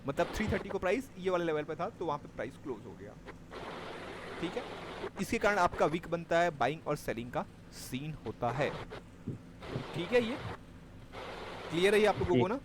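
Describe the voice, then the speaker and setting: A man's voice: a little high, big pitch swings, moderate pace, long pauses, background noise. A man teaching a live class on trading, explaining step by step and checking that his students follow. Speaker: stock market trading teacher.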